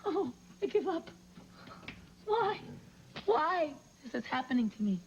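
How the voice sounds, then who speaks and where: An actress playing a sharp-tongued young bride held captive in a 1990 TV soap, indignant and sarcastic, on dull lo-fi TV audio with faint hiss. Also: female voice, high voice, very animated, measured pace, exaggerated voice.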